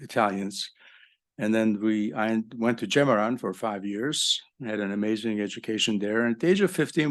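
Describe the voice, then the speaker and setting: An older man lectures at a conference in a low, relaxed voice. He talks casually and tosses in jokes for the audience as he goes. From Egypt. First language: French. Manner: conversational, joking asides to the audience. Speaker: conference speaker, professor. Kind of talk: live conference talk.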